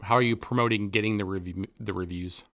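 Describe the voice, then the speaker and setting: A man co-hosts a podcast in a chatty, relaxed way. He talks quickly in a fairly low voice. The sound is dry and close to the mic. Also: no echo. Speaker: podcast co-host. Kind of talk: casual podcast interview.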